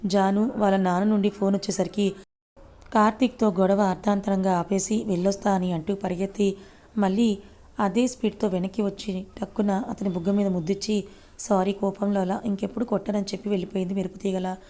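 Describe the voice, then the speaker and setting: A woman narrating an audio story in a steady reading voice. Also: mid-range voice, fairly quick.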